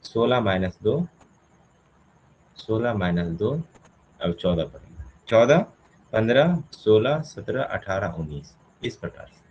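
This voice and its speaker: A man's voice: lowish voice, lively intonation, measured pace, pauses often, darkish tone, dull audio, slight background noise. A man teaching a reasoning class, asking questions aloud and answering them himself while counting through steps. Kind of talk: explaining a classroom problem.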